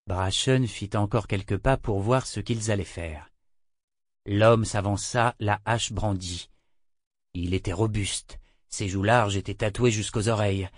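A man narrating an audiobook in a measured, even storytelling manner on a close studio mic. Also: on the low side, dry recording.

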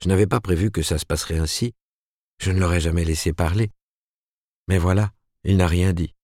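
A man's voice: deep voice, fairly even intonation, fairly quick, a little mellow, dry recording, clean studio sound. A man reading the part of an earnest, lovestruck young woman in an audiobook, tremulous and pleading.

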